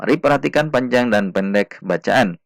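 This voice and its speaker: A man teaching Quran reading, patiently sounding out syllables one by one and chanting the verses slowly. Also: medium pitch, lively intonation, gravelly, no echo, clean studio sound. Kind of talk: slow step-by-step recitation lesson.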